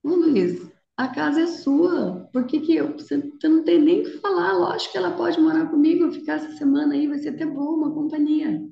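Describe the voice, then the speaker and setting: A woman voicing a friendly young woman who speaks in a lively, eager way. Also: sits high, brisk, gravelly, hardly any pauses, reverberant, muffled recording, pitched above the performer's own voice. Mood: welcoming.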